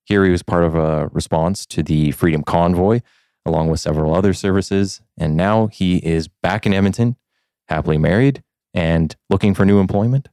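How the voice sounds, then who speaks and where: A man's voice: low voice, moderate pace, mellow, no room sound, studio quality. A man hosting a podcast, introducing his guest and asking friendly, easygoing questions with plenty of fillers. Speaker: podcast host. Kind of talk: conversational podcast interview.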